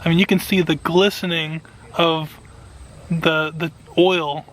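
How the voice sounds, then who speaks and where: A man's voice: on the high side, flat delivery, slow, fairly bright tone, poor audio. An enthusiastic man giving casual hands-on commentary as a gardening vlogger.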